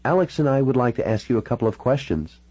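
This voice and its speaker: A man's voice: medium pitch, animated, fast, mellow, no echo, voice pushed up, close to an everyday voice. A man voicing a polite, direct young woman in an audiobook. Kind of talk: audiobook character voice.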